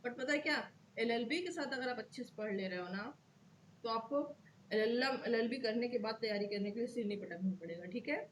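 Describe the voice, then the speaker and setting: Woman law tutor, fairly high voice, patient step-by-step lecture, keeps checking "okay". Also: fairly quick, a little hiss or hum. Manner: checks in often with "okay", repeats key terms. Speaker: law teacher. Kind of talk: explanatory lecture to students.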